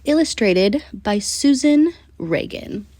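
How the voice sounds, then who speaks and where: A woman's high-sitting voice carries an animated, sing-song reading of a rhyming picture book for children. She lets deliberate pauses shape the story.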